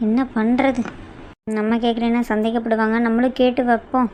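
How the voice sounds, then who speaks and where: Woman doing a snarky scolding cartoon sister, fairly high, faint hiss behind. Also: level tone, moderate pace, a little mellow, close to an everyday voice. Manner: mocking, scolding. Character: sharp-tongued scornful younger sister. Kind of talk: cartoon voice acting.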